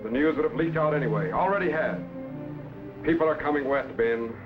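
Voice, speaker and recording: An actor playing a calm, commanding time-traveling scientist captain in a 1950s science fiction serial, speaking with measured authority. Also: male voice, on the high side, music in the background, close to an everyday voice. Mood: calm, reassuring. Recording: dull, muffled vintage serial soundtrack.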